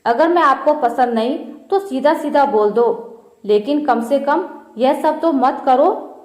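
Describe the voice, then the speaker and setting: A woman giving voice to a proud, spiteful young sister-in-law from a storybook, taunting and scheming. The voice sits high and moves slowly, with an echo of a roomy space around it. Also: darkish tone. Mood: indignant.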